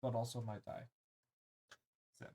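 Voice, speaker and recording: A man's voice: medium pitch, huge pitch swings, measured pace, gravelly, warm tone. A man playing a tabletop game with friends. He plans aloud, often restarting his sentences. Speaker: player. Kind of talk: casual tabletop game chat.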